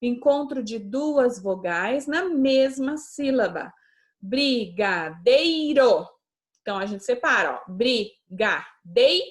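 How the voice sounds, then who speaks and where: Brazilian woman, young adult, schoolteacher, patient, drawn-out words, fairly high voice. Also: animated. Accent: Brazilian Portuguese. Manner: patient, slow and drawn out on example words, checks in with "tá?". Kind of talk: remote class lesson for children.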